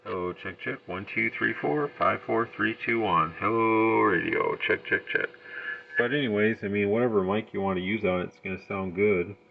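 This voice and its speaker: A CB radio hobbyist reviews his gear in a casual, hands-on demo, thinking out loud in a rough, hesitant way. His voice is gravelly and fairly low, at an ordinary pace. The home recording sounds dull and lo-fi, with a little background noise.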